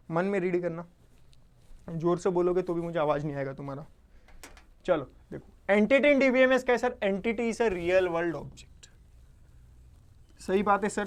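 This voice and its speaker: A man teaching an online exam-prep lecture. He keeps asking and answering his own questions, checks in with the class often, and mixes Hindi with English definitions he reads aloud. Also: high voice.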